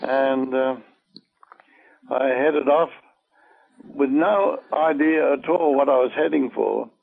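Older male interviewee, slow and gravelly, halting recollection, tinny phone-like recording. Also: mid-range voice. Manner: slow, halting storytelling with many fillers. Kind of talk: oral history recollection.

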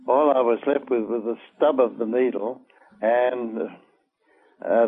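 Older male interviewee, slow and gravelly, halting recollection, tinny phone-like recording. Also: medium pitch. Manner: slow, halting storytelling with many fillers. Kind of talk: oral history recollection.

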